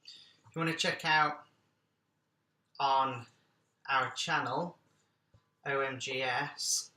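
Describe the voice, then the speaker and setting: A man's voice: mid-range voice, steady tone, takes it slowly, pushed and bright, echoey room. A man hosting a casual cooking vlog, chatting along with jokey, self-deprecating asides.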